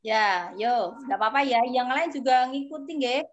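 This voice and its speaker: Javanese-accented woman teacher with a high, patient voice for an online class, captured on dull lo-fi audio. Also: lively intonation, normal speed. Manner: patient, coaxing, tags sentences with a soft "nggih". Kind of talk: online exam-prep class.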